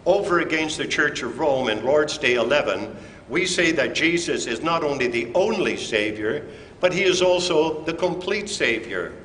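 A pastor giving a communion sermon in a church, preaching in a slow, deliberate and emphatic way. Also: male voice, on the high side, lively intonation, a bit bright. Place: church sanctuary. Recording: echoey church hall with faint room noise.

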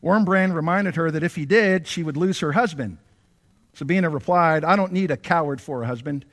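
A male pastor delivers an impassioned sermon in a high, sharp, forceful voice. His words ring out with a long reverb, as though spoken in a large church sanctuary. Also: a little fast. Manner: impassioned, rising to near-shouts when voicing prayers.

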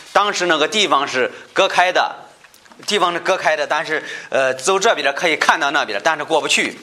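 A man leads a Bible study lesson in a somewhat high, bright and forward voice. He talks haltingly, with fillers and phrases said twice. He keeps asking questions and then answering them. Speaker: Bible teacher.

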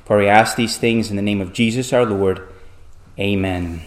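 A male pastor at a pulpit microphone, reading scripture, praying and preaching in a measured, deliberate way, with restarts as he explains. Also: lowish voice, steady tone. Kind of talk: sermon with scripture reading and prayer.

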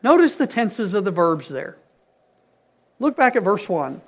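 A man preaching a sermon, stressing key words loudly and dropping to hushed phrases, asking his congregation questions. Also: sits high, very animated, a little slow. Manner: emphatic, swings between loud stresses and hushed phrases.

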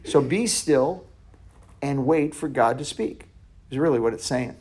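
A man's voice: mid-range voice, lively intonation, measured pace, a little hiss or hum. Conversational man teaching a Bible study. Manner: conversational, with restarts and self-corrections, drops to a near hush at times.

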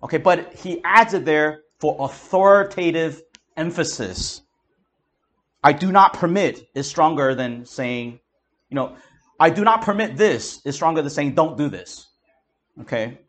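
Male pastor, expository sermon, emphatic, conversational, fairly high voice. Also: expressive, a little slow. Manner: emphatic, explains in a conversational way with frequent restarts. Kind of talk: expository Bible teaching.

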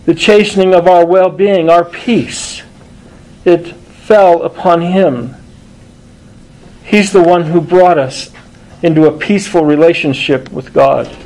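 A man preaching a sermon to a congregation, deliberate and emphatic, often restarting phrases and stressing single words. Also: fairly high pitch, a little mellow, low-quality recording. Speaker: pastor.

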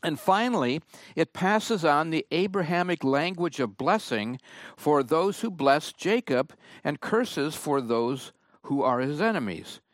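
Guy preaching real slow and deliberate, dry close sound, explaining bible verses. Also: fairly high pitch, lively intonation, dry recording. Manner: slow, emphatic Bible exposition. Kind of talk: sermon.

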